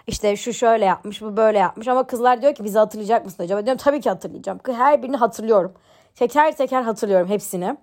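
A young woman telling a personal story in a casual podcast monologue, chatty and animated, poking fun at herself. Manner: chatty and animated, mocks herself, swings in pitch. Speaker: podcast host.

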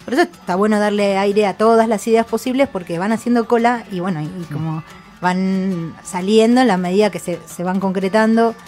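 A woman's voice: mid-range voice, darkish tone, faint music behind. A woman musician with a Rioplatense accent, speaking reflectively in an interview, thinking aloud with frequent restarts. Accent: Rioplatense Spanish. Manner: thoughtful, halting, with many restarts.

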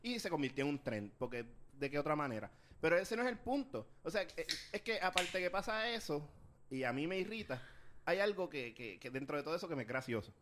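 Host type, puerto rican guy, bright lively voice, rambly. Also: fairly high pitch, brisk, a little hiss or hum. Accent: Puerto Rican Spanish. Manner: animated, rambling with restarts. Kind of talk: casual group chat.

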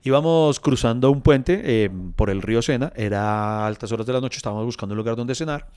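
A young man, co-hosting a podcast in casual chat, telling lively anecdotes and laughing often. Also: mid-range voice, brisk, clean tone. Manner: animated storytelling, laughs often, mock voices. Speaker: podcast co-host.

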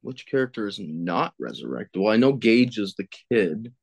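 Here a podcast guest who works as a film critic talks casually, stumbling as he hunts for answers out loud and swearing at himself when his mind goes blank, in a self-deprecating way. He has a low voice with big pitch swings and vocal fry, speaking at normal speed with no echo.

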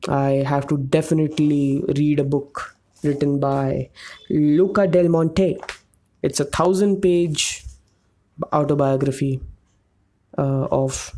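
A man's voice: a little high, mellow. A man hosting a solo podcast, talking in a loose, rambling way and searching for words mid-sentence. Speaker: podcast host. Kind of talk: casual solo podcast monologue.

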